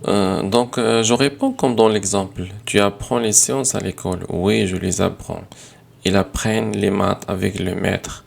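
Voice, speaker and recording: A man teaches a grammar lesson in an unhurried, deliberate way, repeating each sentence as he corrects it. His voice sits on the low side and has a gravelly texture. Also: fairly even intonation.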